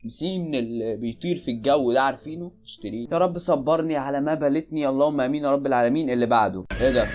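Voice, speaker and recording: A man's voice: medium pitch, rapid-fire, few pauses, a little mellow, slight background noise. A man with an Egyptian accent giving casual, joking reaction commentary on videos, exclaiming in disbelief.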